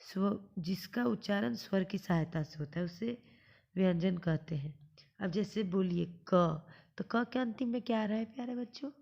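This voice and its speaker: Woman teacher for a class lesson: husky, gravelly delivery, patient and explanatory, poses questions to students then answers them herself. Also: medium pitch, muffled recording. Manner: draws out sounds slowly when demonstrating.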